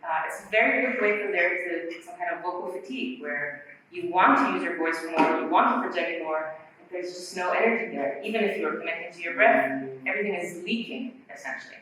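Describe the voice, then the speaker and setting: A woman giving a conference workshop talk about the voice, explaining patiently and demonstrating breathy and glottal sounds. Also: lowish voice, fairly quick, background noise. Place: conference hall. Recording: very echoey hall from far off.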